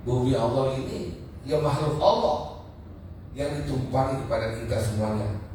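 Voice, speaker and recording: A man's voice: mid-range voice, moderate pace, dark tone, recorded from a distance, slight background noise. Man telling stories in an echoey mosque hall. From Indonesia. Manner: chatty, jokes with the audience, drops into local dialects. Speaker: guest speaker at a mosque gathering. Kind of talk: casual storytelling talk.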